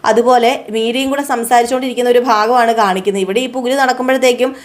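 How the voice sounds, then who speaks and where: A woman's voice: on the high side, steady tone, fast talker. A woman casually retelling a television serial episode in a chatty storytelling way, with many fillers. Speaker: serial recap vlogger.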